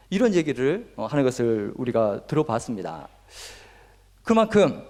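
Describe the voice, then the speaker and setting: In a church sanctuary with the long reverb of a church hall, a guest pastor with a slightly high, somewhat mellow voice preaches. He retells a story earnestly and with emphasis.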